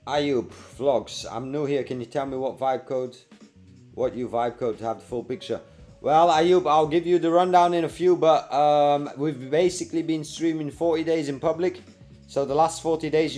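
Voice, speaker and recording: Chatty man hosting a live stream. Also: a little high. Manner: relaxed, chatty, answers viewers by name. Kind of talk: casual live-stream chat reading viewer comments.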